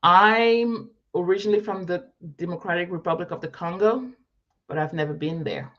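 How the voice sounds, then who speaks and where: A Moroccan woman in her thirties fields viewer questions during a casual live Q&A, thinking aloud, repeating herself, and correcting herself as she goes. Her voice is lowish at a moderate pace, with the highs cut off, picked up by a live-stream setup.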